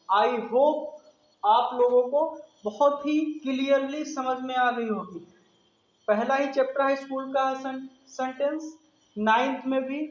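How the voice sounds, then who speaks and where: A man's voice: extremely high pitch, a bit bright. A male English grammar teacher with a Hindi accent, explaining step by step and often asking the class rhetorical questions. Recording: echoey room, dull lo-fi sound.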